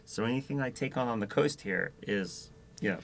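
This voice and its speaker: A man co-hosting a podcast who talks quickly at a middle pitch. He chats easily with the others and chimes in often to agree. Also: vocal fry. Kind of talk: casual podcast chat.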